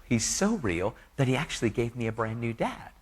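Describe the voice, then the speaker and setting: A man's voice: medium pitch, big pitch swings, normal speed, slightly rough. A man giving an earnest, casual testimony in a preaching style, full of slang.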